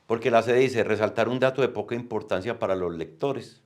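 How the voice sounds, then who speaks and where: A man's voice: fairly low pitch, brisk. A man explaining reading exam questions as a teacher, checking in with "¿cierto?" often.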